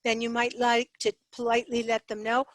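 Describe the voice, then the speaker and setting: A woman teaching a slideshow lesson on sales, lively and expressive, sweeping her voice up and down to show inflection. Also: fairly high pitch, fairly quick, dry recording. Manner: lively, sings phrases up and down to demonstrate inflection. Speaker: sales trainer.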